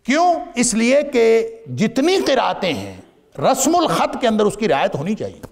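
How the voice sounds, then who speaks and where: A man teaching a Quran commentary lesson to a seated audience. He recites each verse, explains it, and swings from raised emphasis to a hush. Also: sits high, wildly swooping pitch. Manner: rising emphasis then dropping to a hush.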